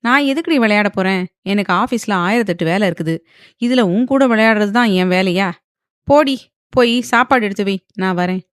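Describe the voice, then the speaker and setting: A man's voice: high-pitched, normal speed, fairly bright tone, smooth, dry recording, clean studio sound. A woman voicing a teasing young husband. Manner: mocking, offhand.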